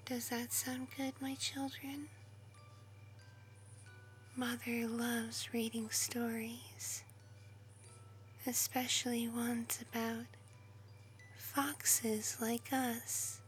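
A woman's voice: on the high side, flat delivery, very slow, pauses often, faint music behind. A woman whispering as a doting mother fox. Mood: tender. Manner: soft whispering, soothing and affectionate. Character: doting mother fox, female, adult, tender and protective. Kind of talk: ASMR roleplay, bedtime storytelling.

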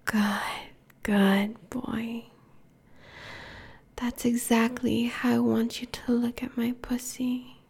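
A woman's voice: on the high side, level tone, full character voice. A woman whispering as a cruel immortal queen. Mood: commanding. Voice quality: breathy whisper with gravelly fry. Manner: slow, hushed, menacing and commanding. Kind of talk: whispered audio roleplay.

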